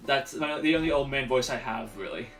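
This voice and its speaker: A man's voice: mid-range voice, normal speed, fairly bright tone, recorded from a distance, soft background music. A man doing casual game commentary as he reads a story game aloud. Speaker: gaming video host.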